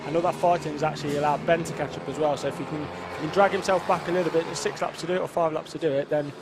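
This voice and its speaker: A man's voice: fairly high pitch, steady tone, very fast, over music. A man giving conversational motorsport commentary as the analyst, often restarting and repeating his words. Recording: noisy outdoor trackside sound. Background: vehicle and outdoor track noise.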